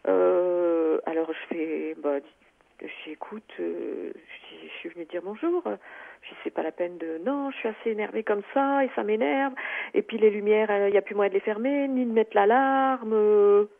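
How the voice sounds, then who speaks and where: A woman's voice: mid-range voice, steady tone, moderate pace, gravelly. A woman calling in to tell a personal story, talking hesitantly with many fillers and restarts. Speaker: caller. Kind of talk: phone-in personal account. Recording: tinny phone line.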